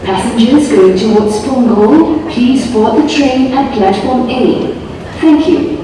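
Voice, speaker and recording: Station-loudspeaker announcer, female, deliberate pacing, heard from a distance with heavy echo. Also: fairly high pitch. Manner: slow, measured, polite phrasing. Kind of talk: recorded public announcement. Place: train station. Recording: echoey far loudspeaker in noisy station. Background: station ambience.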